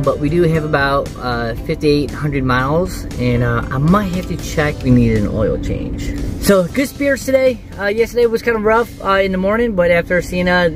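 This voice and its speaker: A man in his forties chatting casually into a handheld phone camera for his travel vlog, rambling with lots of uhs. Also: on the high side. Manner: easygoing, rambling with many uhs. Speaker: vlogger. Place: outdoors at rest stop and inside truck camper shell. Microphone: handheld phone camera at arm's length.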